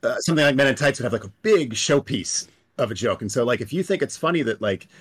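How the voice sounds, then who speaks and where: A man's voice: medium pitch, expressive, fast talker, husky. A man on a podcast panel, ranting bluntly and swearing in casual chat.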